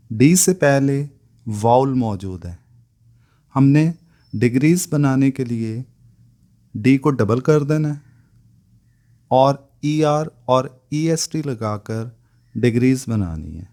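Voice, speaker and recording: A man teaching English grammar in speech, spelling out each word form one by one in a slow lesson. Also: medium pitch, animated, mellow.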